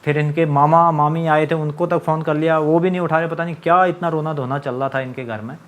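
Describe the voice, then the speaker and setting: A man's voice: a little high, steady tone, brisk. A young man telling his own story in a casual monologue, agitated and complaining, acting out what others said. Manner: agitated, complaining, acts out quoted lines.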